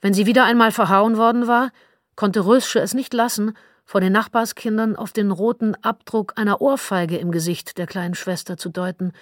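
A woman narrating an audiobook in a measured, wry storytelling manner, close to the mic. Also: mid-range voice, steady tone, no echo. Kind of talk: scripted narration.

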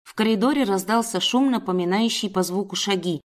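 A woman reading a first-person story aloud in steady storybook narration. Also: medium pitch, a little fast.

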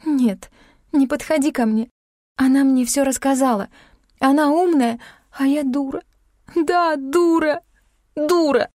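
A woman reading an audiobook, voicing a young woman screaming accusations in shrill, tearful outbursts. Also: moderate pace, few pauses, dark tone, no echo, studio quality, close to an everyday voice. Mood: tearful hysterical.

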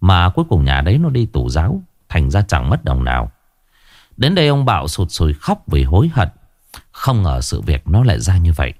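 A man narrating a ghost story in a dramatic, expressive way. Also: sits low, normal speed, no room sound, studio quality.

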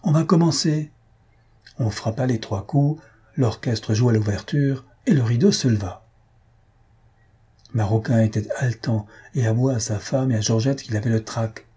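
Male storybook narrator, husky and dark-toned, lively with the shouted lines. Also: normal speed. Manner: lively, raises pitch for shouted crowd lines. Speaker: audiobook reader.

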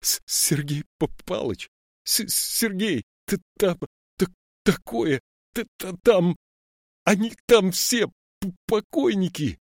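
A man voicing a scared young street urchin who stutters badly and rushes his words in a high voice. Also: expressive, no echo, clean studio sound, full character voice. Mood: panicked.

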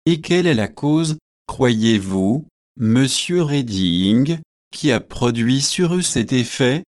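A man reading aloud the lines of a fanatical, excitable preacher in a slow, measured way. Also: mid-range voice, no echo, clean studio sound.

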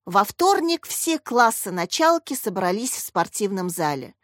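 A woman narrating a children's story in a lively, expressive reading. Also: medium pitch, measured pace, no echo, clean studio sound. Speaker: audiobook narrator.

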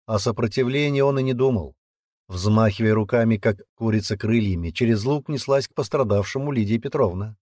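A man narrating a story in an expressive, lively reading voice. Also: fairly low pitch, brisk, dry recording, clean studio sound. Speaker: audiobook narrator. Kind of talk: scripted narration.

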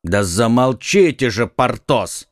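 Guy voicing a stern gloomy musketeer, curt and sharp with his buddies, close dry sound. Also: medium pitch, expressive, takes it slowly, dry recording. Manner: curt, reproving.

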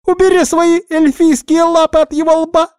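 A squeaky, fussy little guinea pig lady, as a man puts her on, loud and quick to scold. Her voice sits far above a grown man's and stays dark and dry, like a storybook pet with a big temper. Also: little pitch movement, no echo. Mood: alarmed. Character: bossy shrill female magic guinea pig familiar. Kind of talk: audiobook character voice.

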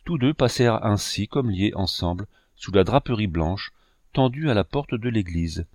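Give me a man with a fairly low voice doing solemn audiobook narration, dry and close. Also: animated, normal speed, a little mellow, dry recording. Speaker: audiobook reader. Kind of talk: scripted narration of a novel.

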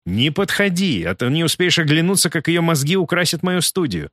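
A man's voice: a little high, animated, a little fast, fairly bright tone, no echo, studio quality, pitched above the performer's own voice. A man voicing a cruel, scheming male villain in an audiobook, with a mocking, sneering manner. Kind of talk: audiobook character voice.

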